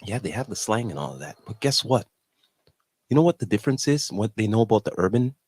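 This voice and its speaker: A man's voice: on the low side, lively intonation, quick pace, darkish tone. A man chatting casually and emphatically, repeating himself and throwing out rhetorical questions. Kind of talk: casual chat.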